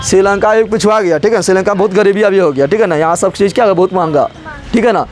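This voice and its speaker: A young man teaching a class, repeating each point and constantly firing quick questions back at his students. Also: sits high, background noise. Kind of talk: classroom lecture.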